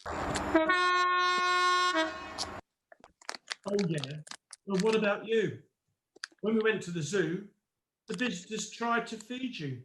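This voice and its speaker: A man as a high-pitched, pompous panto dame. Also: lively intonation, slow, long pauses, full character voice. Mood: vain, grandiose. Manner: grandiose, scornful. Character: pompous, vain, snapping pantomime dame ugly sister. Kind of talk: broad pantomime acting. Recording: roomy echo, faint noise, clicks.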